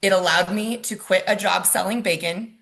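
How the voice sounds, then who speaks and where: A woman's voice: medium pitch, steady tone, moderate pace, creaky, a bit bright. A woman, a mortgage lender, presenting a webinar over slides in a casual, chatty way with frequent ums and likes.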